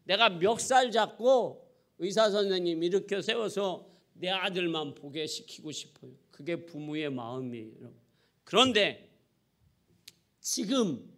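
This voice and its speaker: A middle-aged male pastor preaching with a high, bright, ringing voice. His pitch leaps and plunges as he goes from loud cries to quiet asides. He acts out voices and keeps calling out to his congregation. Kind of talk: sermon.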